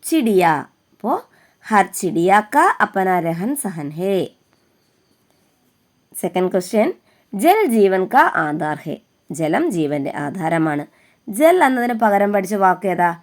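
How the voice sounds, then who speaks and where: A woman's voice: medium pitch, expressive. A woman teacher from Kerala with a Malayali accent explains a Hindi poem in Malayalam, asking the class questions and answering them herself. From Kerala, India. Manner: reads the poem lines slowly and sing-song.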